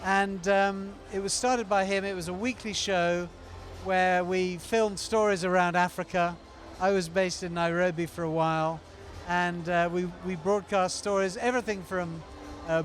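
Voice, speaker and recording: A former TV producer who now helps organize an event chats casually about it on a live stream, his voice fairly high. He rambles loosely, filling gaps with fillers, restarting sentences and pausing often to find words. He's recorded outdoors amid city traffic.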